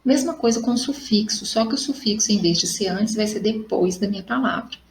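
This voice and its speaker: A woman's voice: medium pitch, brisk. Brazilian woman teacher in an echoey room. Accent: Brazilian Portuguese. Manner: explains step by step, asks questions and answers them herself; ends points with tag questions. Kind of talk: recorded classroom lesson. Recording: echoey room, faint ambient noise.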